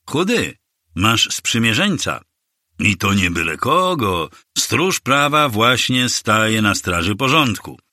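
A man's voice: on the low side, big pitch swings, slow pace, dry recording, clean studio sound, voice pushed up, full character voice. A man doing a sneering gangster boss. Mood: taunting. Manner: sneering, mocking, bursts into shouting. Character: menacing taunting gangster boss, adult man. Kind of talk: audiobook character voice.

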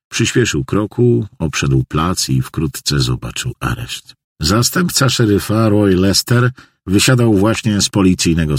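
A man reading a novel aloud as an audiobook narrator, in a measured, expressive way. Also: low-pitched, husky, dry recording, studio quality. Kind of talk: scripted narration.

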